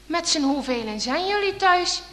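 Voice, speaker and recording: Een vrouw die speelt een vriendelijke dorpsdominee. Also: female voice, very high-pitched, lively intonation, moderate pace, exaggerated voice. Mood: kind. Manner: gentle, hushed calling. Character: kindly village male pastor, calm.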